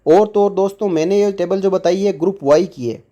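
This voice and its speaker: A man's voice: high voice, fairly quick, dark tone, lo-fi sound. A man explaining pension tables to viewers, reading figures off a table in an indignant tone. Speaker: news commentator.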